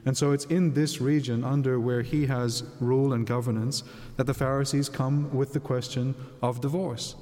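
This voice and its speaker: Male priest doing a gospel reading and homily, measured, big cathedral echo on everything. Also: mid-range voice, fairly even intonation, mellow. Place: large reverberant church.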